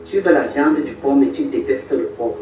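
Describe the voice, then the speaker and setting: A woman playing a calm, firm mother who lectures and soothes. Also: a bass voice, moderate pace, highs cut off, noisy background. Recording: echoey room, far off, faint music.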